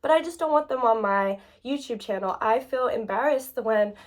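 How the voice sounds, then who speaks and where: A woman in her late twenties speaks straight to her audience in a casual vlog. Her voice sits a little high, and her talk runs loose and chatty with plenty of fillers. She sounds candid and heartfelt, as if tears are never far off. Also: normal speed. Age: 20s. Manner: emotional, close to tears at times. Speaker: YouTuber. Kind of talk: casual talking-to-camera vlog.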